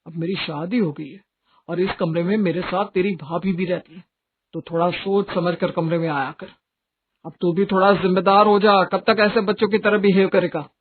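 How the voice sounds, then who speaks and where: A woman voices a newly married elder brother, stern and lecturing, with a lowish tone. He sounds set back from the mic. The audio is tinny and phone-like. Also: fairly even intonation, moderate pace, a little hiss or hum, natural voice.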